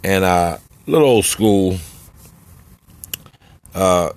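An American man hosting a show and addressing listeners in a solemn, measured, emphatic way, like an unhurried rally speech. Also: sits low, animated, darkish tone, dry recording. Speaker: radio show host and community activist.

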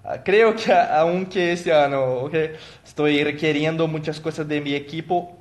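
His voice is a little high and steady in tone. A native Portuguese speaker hosting a motivational coaching live stream, he talks in a halting way full of fillers and false starts, calling out viewers by name to thank them.

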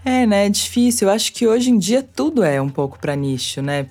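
A woman's voice: mid-range voice, sing-song, a little fast, a little mellow, soft background music. A woman chatting casually as an interview guest, a radio presenter with an informal, self-deprecating manner. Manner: informal, self-deprecating, uses playful mimicked quotes. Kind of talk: casual chat.

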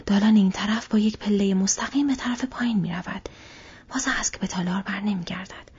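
A resolute ranger leader, whispered by a woman in whispered role-play, giving orders in a husky, breathy whisper. The sound is dull and lo-fi. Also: medium pitch, a little mellow. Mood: grave.

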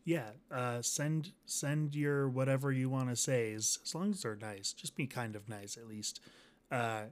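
A man's voice: mid-range voice, unhurried. A young adult man co-hosting a casual gaming podcast, laid-back with dry, teasing humor. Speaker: podcast co-host.

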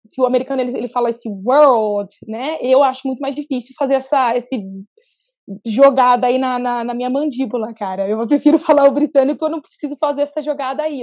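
A woman's voice: sits high, no room sound. A young woman from Brazil with a São Paulo-state Brazilian Portuguese accent, chatting animatedly as a podcast guest, often restarting her sentences. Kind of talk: casual interview chat. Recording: dull, lo-fi sound.

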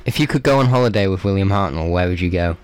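A man's voice: low-pitched, lively intonation, fast talker, a little hiss or hum. A man chatting casually and teasingly as a podcast co-host. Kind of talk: casual chat.

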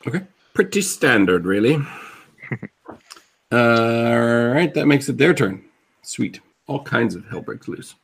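A man's voice: mid-range voice, animated, slow pace, vocal fry, slightly rough. A man running a tabletop fantasy game as game master, casual and playful with chuckling asides.

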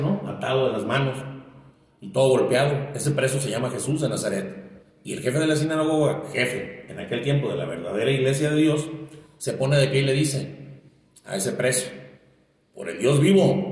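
A man's voice: mid-range voice, darkish tone. A man giving a conversational sermon, asking his listener "¿verdad?" and acting out the quoted lines. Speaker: preacher. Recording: very echoey hall.

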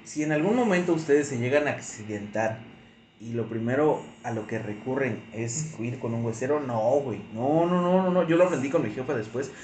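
A young Mexican man with a Mexican accent, telling a story in casual chat, slangy and animated, saying güey constantly. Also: medium pitch, moderate pace, roomy sound, a little hiss or hum.

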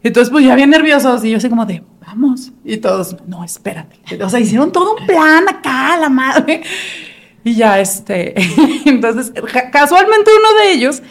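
A Mexican woman in her forties with a high, bright voice tells a story in a relaxed conversation. She talks with animation, laughs often and acts out the other people's voices. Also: moderate pace. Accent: Mexican Spanish. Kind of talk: casual storytelling chat.

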